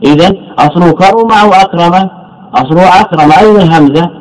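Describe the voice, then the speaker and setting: Over poor audio, a man with a high voice speaks quickly as a sheikh teaching Arabic morphology, explaining a text in a classroom lecture. He puts questions to the class, answers them himself, and repeats key words.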